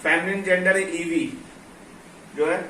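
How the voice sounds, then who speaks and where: A man teaching English pronunciation and grammar, explaining slowly, repeating key words and spelling out letters. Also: sits high, fairly even intonation, pushed and bright. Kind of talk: classroom-style explanation at a board. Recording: echoey room, from a distance, faint noise.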